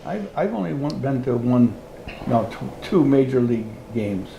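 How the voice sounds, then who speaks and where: A man's voice: mid-range voice, lively intonation, moderate pace, vocal fry, mellow, dull audio. An older man co-hosting a casual chat, mostly giving short interjections and dry remarks. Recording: roomy sound with faint background noise.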